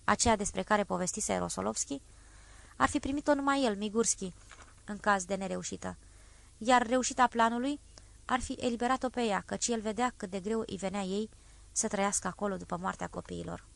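A woman narrating a classic story in a calm, even literary reading. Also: mid-range voice, gravelly. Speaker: audiobook narrator. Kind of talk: scripted narration.

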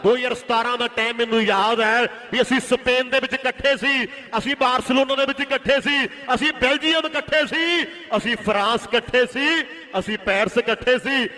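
Male kabaddi commentator, Punjabi accent, sharp and extremely high, repeating lines rhythmically in live rural sports calls. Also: normal speed. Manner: repeats phrases in a rhythmic run.

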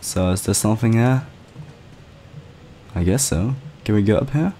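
A man with a somewhat low voice commentates his playthrough in a loose, chatty way. He gets excitable and swears freely. A faint hum sits under his voice. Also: moderate pace. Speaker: gameplay commentator. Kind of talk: casual let's-play commentary.

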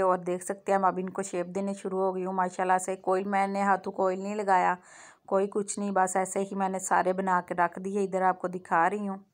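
A woman hosting a home cooking vlog, chatting casually as she cooks and often saying "theek hai" and "mashallah". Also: medium pitch. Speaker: cooking channel host. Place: home kitchen.

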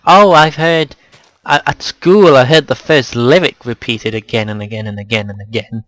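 A man playing a game with a friend, easygoing and quick to laugh. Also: medium pitch, fairly bright tone, no room sound. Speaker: co-player. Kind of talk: casual chat while gaming.

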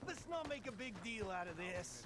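A high, thin-voiced fake blind beggar in a video game, whining for spare coins. He drawls slowly and turns sullen when caught. Outdoor game ambience hums audibly underneath. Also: big pitch swings, heavy background noise. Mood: defensive. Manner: pleading, then sullen and defensive.

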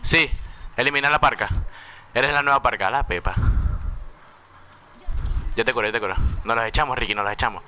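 A man streaming a shooter game, talking to a teammate in rapid, repeated urgent callouts. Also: medium pitch, pushed and bright, slight background noise. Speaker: gamer streamer. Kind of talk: live gameplay commentary with teammate.

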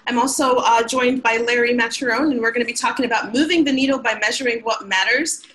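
Bright-voiced woman hosting a webinar. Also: fairly high pitch, fairly even intonation, quick pace, rough recording. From Sudan. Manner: upbeat, many filler ums. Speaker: webinar host. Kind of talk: webinar presentation. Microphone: webcam on video call.

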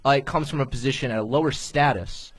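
A man's voice: mid-range voice, quick pace, husky. A man in a comedy podcast band, answering the host with dry, self-deprecating and playful jokes. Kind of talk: live comedy podcast banter.

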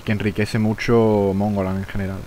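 A young man from streaming live gameplay, chatting casually, swearing and shouting when the game frustrates him. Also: on the low side, flat delivery, moderate pace, slight background noise, poor audio.

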